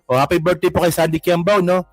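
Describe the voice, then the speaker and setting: A man's voice: high-pitched, fairly even intonation, fast talker, no echo, faint music behind. A man with a Filipino accent giving casual political commentary, mocking and rambling as he reacts to clips. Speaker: commentary vlogger.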